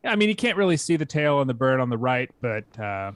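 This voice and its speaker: A middle-aged man co-hosting a live bird question show, explaining in a measured way and thinking aloud. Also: mid-range voice, big pitch swings, fairly bright tone, no echo. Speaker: co-host answering bird questions. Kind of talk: casual live stream chat.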